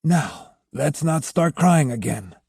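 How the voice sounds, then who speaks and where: A man voicing a humble young man, earnest and gentle, in an audiobook. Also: a little high, very animated, a little slow, breathy edge, dry recording, studio quality, full character voice. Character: humble young man, reformed former braggart. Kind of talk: audiobook character voice.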